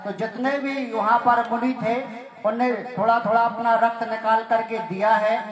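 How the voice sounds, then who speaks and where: A man's voice: extremely high pitch, level tone, moderate pace. A man playing a dutiful royal minister. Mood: reporting. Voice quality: loud, projected, reporting stage delivery. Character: loyal minister to the demon king, adult man. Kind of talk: folk stage play acting. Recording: echoey stage with a crowd behind.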